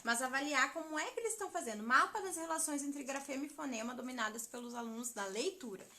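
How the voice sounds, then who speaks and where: Thirties woman, animated teacher-trainer on a live stream; high, bright voice. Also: fast talker. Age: 30s. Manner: chatty, animated, addresses viewers as "gente". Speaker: literacy teacher educator.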